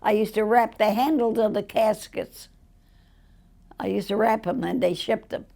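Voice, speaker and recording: A very old woman, over a hundred, telling stories from her life in a rambling, colloquial way with a gravelly old voice. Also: medium pitch, steady tone, moderate pace, mellow. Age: over 100, very old. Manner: rambling storyteller, acting out quoted dialogue in plain colloquial words. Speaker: interviewee. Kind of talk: casual autobiographical storytelling.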